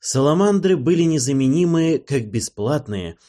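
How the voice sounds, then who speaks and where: A man narrating a fantasy audiobook in the first person with a lively, expressive reading. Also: on the high side, normal speed.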